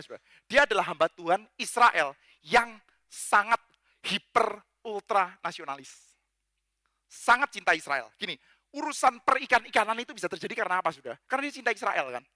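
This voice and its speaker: Fast, bright-voiced joking male preacher. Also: no echo, studio quality. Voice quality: acts out quoted voices with big pitch jumps. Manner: lively, joking, mixes in English phrases. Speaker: pastor. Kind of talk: sermon. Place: church.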